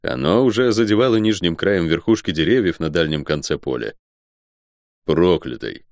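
A man reading a fantasy audiobook aloud, his voice lower than most. He shapes the story with lively rises and falls. The sound is dry and close to the mic. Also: brisk, no room sound. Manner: expressive storytelling. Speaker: audiobook narrator. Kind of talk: scripted fantasy narration.

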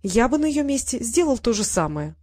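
A woman voicing a scheming boy who talks slowly, smoothly and with quiet mockery, in a storybook reading. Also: a little high, very animated, no room sound, voice pushed up. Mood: calm. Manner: smooth, insinuating, unhurried. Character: sly scheming boy, calm and mocking.

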